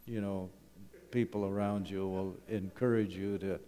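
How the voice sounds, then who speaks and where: Speaking to a congregation in a church hall, a Canadian wilderness school principal, middle-aged or older, delivers a conversational, funny slide presentation full of rhetorical questions. His voice is low-pitched and dark, with fairly even intonation and an unhurried pace, in an echoey space with long reverb.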